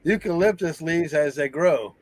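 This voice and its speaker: A man reading fun facts aloud during a relaxed live-stream chat, his voice a little higher than most men's. He slips in dry jokes between the facts. The sound is dry and close to the mic. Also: normal speed, no echo.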